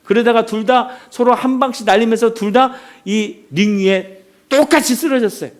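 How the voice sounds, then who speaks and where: A man's voice: very high voice, moderate pace. A man preaching a sermon as a pastor, telling stories with animation and throwing questions out to the congregation.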